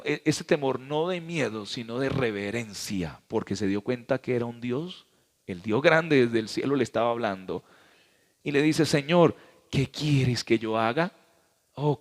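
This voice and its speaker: A man with a Colombian accent, a pastor preaching a sermon on a handheld microphone, his pitch swinging up and down with dramatic pauses. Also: long reverb tail. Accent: Colombian Spanish.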